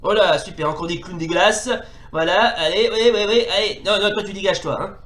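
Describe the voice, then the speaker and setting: Excitable high-voiced man playing a retro game. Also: brisk, echoey room. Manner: excitable, scolds enemies out loud, stammers and restarts. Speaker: retro gaming YouTuber. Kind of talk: let's play commentary.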